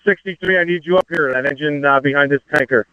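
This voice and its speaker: A man's voice: fairly high pitch, quick pace, smooth, dry recording, muffled recording. A man speaking urgent firefighter radio traffic as incident commander, terse and directive, over a two-way radio. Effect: two-way radio transmission.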